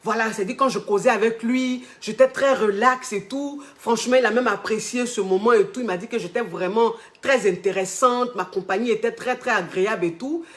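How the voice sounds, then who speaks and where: A woman voicing a hesitant young woman client who talks in a soft, low, subdued way. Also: fairly quick, hardly any pauses, natural voice. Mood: downcast.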